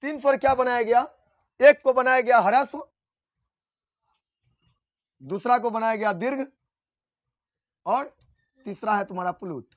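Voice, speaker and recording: A man teaching Hindi grammar in a classroom lecture, repeating key points, quizzing his students with questions and sounding out vowels slowly. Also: very high-pitched, dry recording, dull audio. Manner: sounds out vowels slowly to show their length.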